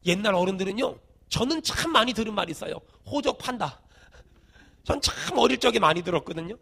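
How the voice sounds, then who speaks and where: A high-voiced, gravelly man preaching a sermon, swinging from shouted emphasis to hushed, low asides. His folksy pastor's delivery has a husky, bright edge, and he pulls the congregation into call-and-response. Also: expressive, brisk. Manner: folksy, colloquial storytelling. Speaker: senior pastor.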